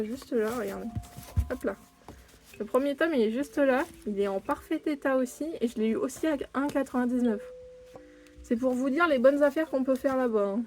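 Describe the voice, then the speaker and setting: A young woman talks her way through an unboxing at home in a fairly high voice. She rambles, cuts herself off and tacks little fillers onto her sentences. Faint music plays underneath. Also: darkish tone. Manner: chatty, rambling, self-interrupting with many "hein". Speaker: manga collector vlogger. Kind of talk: casual unboxing chat to camera. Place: home room near her desk.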